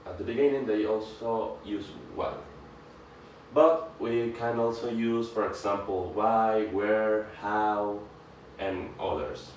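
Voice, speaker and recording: A man presenting a grammar lesson, speaking haltingly, restarting phrases and reading example sentences aloud. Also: lowish voice, a little mellow, far from the mic. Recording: echoey room, off-mic, faint background noise.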